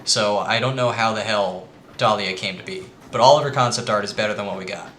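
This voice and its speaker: A man's voice: on the low side, brisk, a little hiss or hum. A man giving a casual, rambling presentation to friends, with lots of ums. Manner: rambling with frequent ums, quietly earnest.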